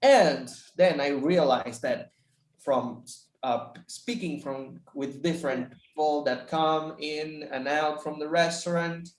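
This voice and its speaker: Mexican-accented male teacher, fairly high voice, stumbling animated storyteller, roomy echo. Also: slow pace. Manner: animated storyteller, many restarts and repeated words. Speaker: teacher telling his story. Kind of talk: casual chat.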